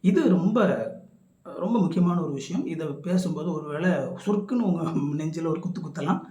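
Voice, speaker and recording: A man's voice: fairly high pitch, moderate pace, dark tone, echoey room. A man teaching about the Bible, explaining at length with repeated phrases and restarts.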